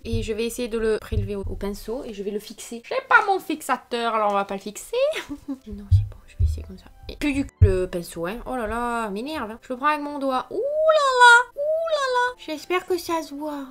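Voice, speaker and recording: A woman's voice: a little high, a little mellow. A woman giving a casual, chatty makeup tutorial, talking to the viewer as she works and grumbling at small mishaps. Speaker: makeup vlogger.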